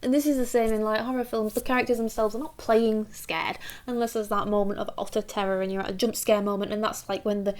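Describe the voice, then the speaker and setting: A woman giving a casual acting lesson, chatty and quick to act out the lines she describes. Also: mid-range voice, darkish tone. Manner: chatty, acts out quoted lines, uses filler 'like'. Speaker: acting teacher.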